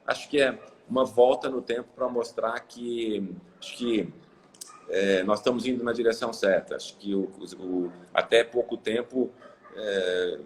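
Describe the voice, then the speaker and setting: Speaking at a measured pace in a lowish voice, a coffee exporter from Ribeirão Preto rambles through a relaxed live video call as a guest. His Brazilian Portuguese accent comes through amid frequent fillers and false starts.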